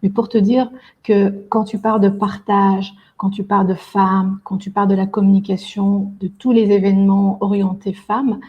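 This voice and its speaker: In a muffled recording, a Belgian woman speaks at a moderate pace in a flat, mid-range voice. She's a guest on a podcast interview, where she works as an event organizer, and she talks at length, frequently hesitating and using fillers.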